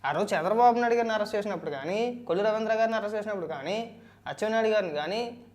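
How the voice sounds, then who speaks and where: A man's voice: high voice, very fast. A man giving political commentary, arguing back with rhetorical questions.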